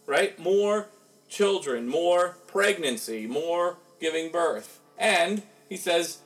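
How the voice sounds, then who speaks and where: A man's voice: on the high side, expressive, takes it slowly, fairly bright tone, faint music behind, low-quality recording. A man preaching a sermon in a conversational way, asking rhetorical questions as he goes.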